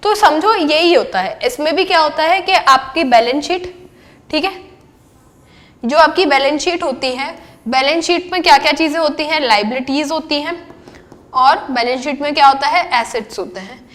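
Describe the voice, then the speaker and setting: A young woman with a high, bright voice gives a lecture on accountancy. She keeps asking the class questions and then answers them herself, and she slips English terms into her sentences. Her delivery is patient and explanatory. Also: moderate pace. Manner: mixes English terms into Hindi speech. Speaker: accountancy teacher.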